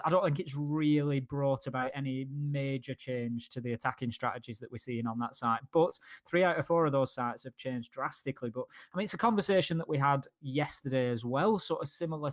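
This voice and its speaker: A man casting a live esports final, breaking down maps and bans in a steady, conversational way. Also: fairly high pitch, no echo, studio quality. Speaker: esports caster.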